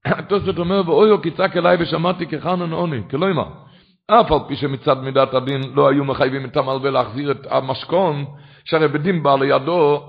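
Man, rabbi teaching a Torah class, fairly high voice, impassioned lecture, dull lo-fi recording. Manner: impassioned, rising to chanting.

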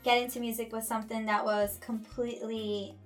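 Her voice is on the high side, brisk, with little pitch movement. Ecuadorian-born and in her thirties, this music school founder earnestly recounts her story in a casual interview, full of fillers and restarts.

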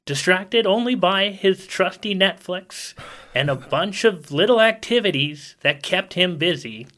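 A man's voice: sits high, expressive, measured pace, pushed and bright, pitched above the performer's own voice, full character voice. A man with a nasal voice voicing a dramatic male movie trailer announcer. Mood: mock-dramatic.

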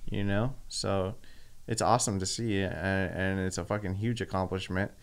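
A man's voice: sits low, fairly even intonation, moderate pace. A man who works as an addiction counselor, speaking earnestly and encouragingly with casual swearing. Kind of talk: casual conversation.

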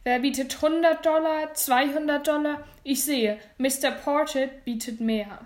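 A woman voicing a flustered middle-aged male auctioneer who calls out bids loudly and eagerly, read as a storybook. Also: high voice, fairly even intonation, measured pace. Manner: loud, eager auction calling.

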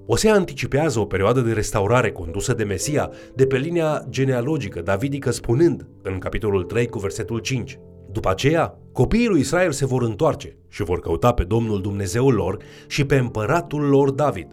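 A man's voice: medium pitch, animated, a little mellow, faint music behind. A man giving a scripted Bible lesson, reading scripture with added emphasis. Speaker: Bible teacher.

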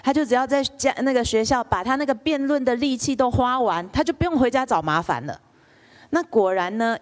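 A woman lecturer, telling stories in a public lecture and asking the audience questions. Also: on the high side. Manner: lively storyteller, asks the audience rhetorical questions.

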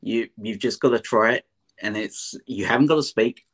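A man's voice: lowish voice, normal speed, fairly bright tone. A man with an Essex accent chatting casually as an interview guest, plain-spoken and repeating points for emphasis. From Essex, near London, England. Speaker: podcast guest.

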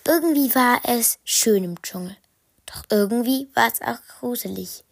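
A woman reading a children's story aloud, slowly and haltingly, correcting herself and sometimes whispering. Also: fairly high pitch, gravelly, no room sound, studio quality. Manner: slow, halting, self-correcting, partly whispered.

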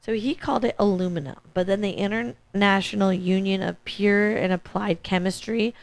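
A woman whose hoarse, strained voice is giving out, chatting casually as a podcast co-host and acting out what people say. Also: medium pitch, fairly even intonation, normal speed. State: voice giving out, hoarse from losing it all week. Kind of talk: casual science chat.

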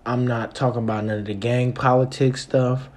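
A man's voice: medium pitch, little pitch movement, moderate pace, over a noisy crowd. A man hosting a casual podcast, talking in a laid-back, slangy way and often asking "you know what I'm saying". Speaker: podcast host.

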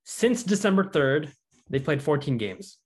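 A man's voice: fairly high pitch, big pitch swings, a little slow, slightly rough. Chatty man hosting a sports podcast. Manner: chatty, reads out stats and quotes. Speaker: podcast host. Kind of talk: casual sports chat.

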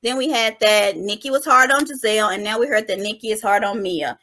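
Bright-voiced woman podcast co-host. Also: medium pitch, brisk. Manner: chatty, emphatic, addresses listeners as y'all. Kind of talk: casual chat.

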